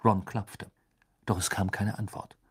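A man reading a novel aloud in calm, measured scripted narration. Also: lowish voice, slightly rough. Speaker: audiobook reader.

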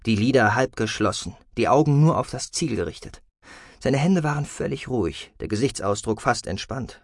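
A man reads sci-fi prose in a steady, measured way. His pitch is mid-range and ordinary. The recording is dry and close, with no room sound. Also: no echo. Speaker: audiobook narrator. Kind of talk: scripted science-fiction narration.

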